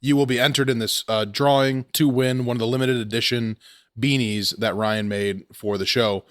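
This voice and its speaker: A man's voice: mid-range voice, steady tone, moderate pace, fairly bright tone, no room sound, studio quality. Scratchy-throated man chatting on a podcast. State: scratchy throat after surgery. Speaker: podcast host. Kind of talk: casual podcast chat.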